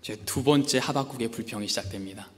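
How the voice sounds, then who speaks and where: A man's voice: medium pitch, fast, long reverb tail. A man preaching a devotional sermon, acting out pleading prayers and complaints with rising intensity. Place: church camp meeting hall.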